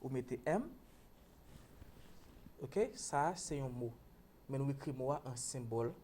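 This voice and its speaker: A woman's voice: rumbling low, unhurried, dark tone, slight background noise. A Haitian woman teaching English pronunciation on a talk show, explaining patiently and checking in with a repeated "ok?".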